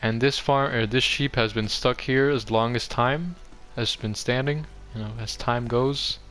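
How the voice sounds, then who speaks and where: This young adult male gaming host talks unhurriedly through a game tour, his commentary casual, rambling, and self-deprecating. His medium-pitched voice is a bit bright. Background music plays beneath his speech.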